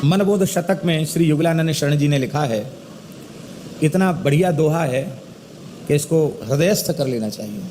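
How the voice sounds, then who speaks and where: Middle-aged guy preaching, slightly high voice, chants verses slow then gets emphatic, echoey hall, faint hum behind. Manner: chants verses slowly, then explains in animated, emphatic speech. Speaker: spiritual teacher giving a discourse. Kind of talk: Hindi religious discourse.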